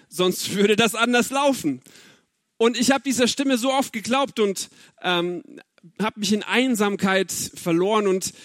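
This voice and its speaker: In a clean, dry studio recording, a man in his 30s preaches an earnest sermon with a personal touch, addressing his audience head-on. His voice is high and a bit bright.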